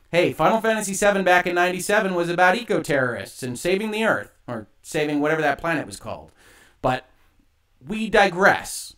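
A man's voice: a little high, a bit bright. A man hosting a commentary show, reading an article aloud and rebutting it emphatically, his voice echoing on the stream. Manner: argumentative, emphatic, with pointed pauses. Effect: echoing on the stream audio. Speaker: host of a games and law commentary show. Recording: echoey livestream audio.

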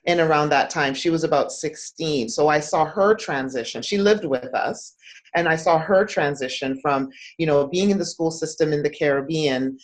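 A woman from Toronto, a psychologist and guest in an interview, speaking in a measured, explanatory way. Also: low voice, poor audio. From Toronto, Canada. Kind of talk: casual interview chat.

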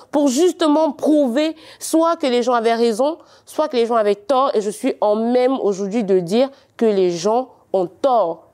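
Lively Cameroonian woman telling her story. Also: high-pitched. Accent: Cameroonian French, partly faded. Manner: lively storytelling, teasing, insistent. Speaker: guest. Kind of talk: casual interview talk.

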